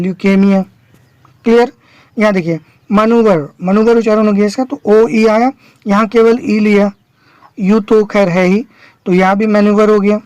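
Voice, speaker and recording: A man's voice: high-pitched, darkish tone, smooth, dry recording, poor audio. A man teaching an exam-prep vocabulary lesson, explaining step by step, repeating his examples and checking that his students understand. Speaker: English teacher.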